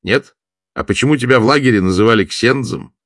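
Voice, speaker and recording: A man's voice: medium pitch, brisk, a bit bright, no echo, clean studio sound, pitched above the performer's own voice, close to an everyday voice. A man voicing a tipsy, cheerful foreign pilot who teases and laughs. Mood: teasing.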